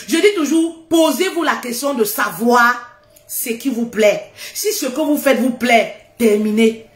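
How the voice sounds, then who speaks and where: A high-pitched woman speaks loudly in a casual motivational talk, laughing freely and hammering her points home by repeating them. The sound is roomy and echoing. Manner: loud, laughs often, repeats phrases for emphasis.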